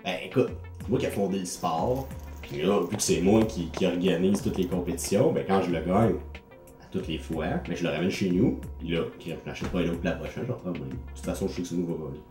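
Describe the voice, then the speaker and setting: A man's voice: sits low, quick pace, darkish tone, soft background music. A young man with a Quebec French accent, playing a boastful self-made urban bowling champion in a mockumentary interview. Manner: boastful, cocky, rambling. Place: outdoors in a city plaza.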